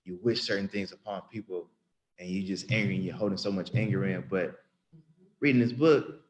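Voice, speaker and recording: A man of about thirty gives a spontaneous church testimony, speaking briskly in a slightly low voice. He comes across as earnest and rambling, often restarting and circling back to repeat phrases.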